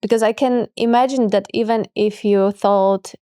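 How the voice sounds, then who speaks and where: A woman's voice: medium pitch, fairly even intonation, moderate pace, warm tone, no room sound, clean studio sound. A woman in her thirties hosting a podcast, asking long rambling questions full of "like". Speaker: podcast host. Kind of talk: conversational interview.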